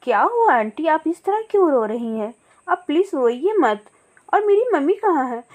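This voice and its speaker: High, childlike bird girl, put on by a woman narrator, pleading and innocent, for a storybook. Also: big pitch swings, moderate pace, a little mellow, lo-fi sound. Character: young orphaned bird girl, sweet and innocent.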